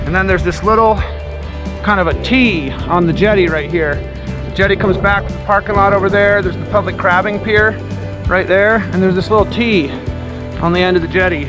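Fishing vlogger, man in his 30s, high and easygoing, chatty on a camera outdoors with loud music under it. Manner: easygoing, chatty, explains as he goes. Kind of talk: casual outdoor vlog. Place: rocky ocean jetty outdoors. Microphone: action camera. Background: music under the talk.

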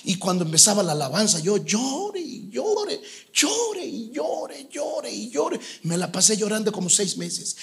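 Male pastor with a high voice; earnest, storytelling preacher who builds to loud fervor. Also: creaky. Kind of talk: sermon.

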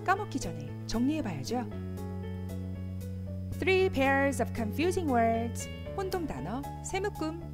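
A woman teaching English vocabulary, reading example sentences slowly and clearly. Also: high-pitched, very animated. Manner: slow, carefully enunciated example sentences. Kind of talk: language lesson. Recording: faint background music.

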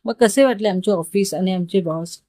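A woman's voice: mid-range voice, moderate pace, mellow, no echo, close to an everyday voice. A woman storyteller voicing a friendly, teasing young male coworker in a dry, close recording. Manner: easygoing, teasing.

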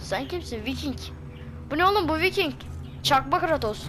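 A woman streaming a game with excitable, chatty commentary and shouted reactions. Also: high voice, moderate pace, noisy background. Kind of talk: let's-play commentary. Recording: voice over loud game music.

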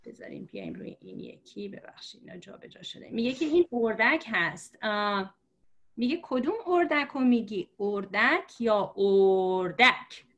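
A woman teacher telling a story to explain letters, patient and slow, with many fillers. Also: on the high side, huge pitch swings, lo-fi sound. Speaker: religious script teacher. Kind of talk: storytelling lesson for learners.

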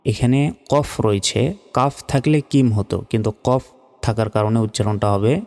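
Guy teaching recitation, slow chanting, low warm smooth voice, long reverb. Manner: slow chanted recitation between quick explanations. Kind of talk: recitation lesson with explanations.

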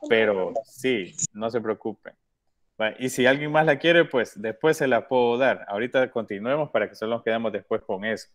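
A man's voice: mid-range voice, normal speed. A man teaching an English lesson to young children, speaking patiently and repeating words often. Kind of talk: online class instruction.

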